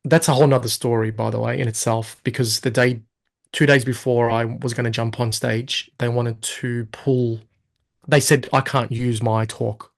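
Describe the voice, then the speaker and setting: A man's medium-pitched voice, carrying some vocal fry, moves at a normal speed. Appearing as a guest in a casual interview, he tells his story in an animated way, acting out past thoughts and quoting himself in spirited asides.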